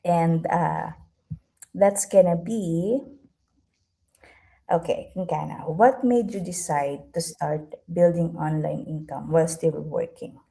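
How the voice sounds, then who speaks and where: A woman's voice: low voice, slow pace, gravelly, mellow. A woman hosting a live stream interview, talking in a chatty way with many fillers and restarts. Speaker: host.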